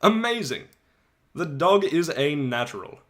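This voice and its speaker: In a dramatic storybook reading, a man voices a chatty, wry eleven-year-old schoolboy obsessed with soccer, using a fairly high pitch. He sounds proud and excited, speaking conversationally with animated asides and pauses.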